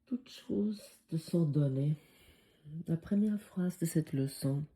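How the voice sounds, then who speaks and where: A woman's voice: deep voice, takes it slowly, dark tone. A woman with a foreign French accent tinged by Swiss speech, teaching a spiritual lesson in a musing, hesitant way with frequent fillers. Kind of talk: reflective spoken lesson.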